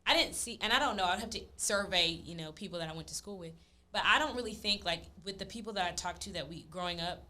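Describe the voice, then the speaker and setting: A woman's voice: mid-range voice, quick pace, pushed and bright. A woman from Texas, co-hosting a casual podcast chat and talking freely with laughing asides. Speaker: podcast co-host.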